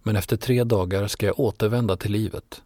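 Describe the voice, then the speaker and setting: A man voicing Jesus as a calm, grave male teacher, speaking in a measured, solemn way. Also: fairly low pitch, no echo, studio quality.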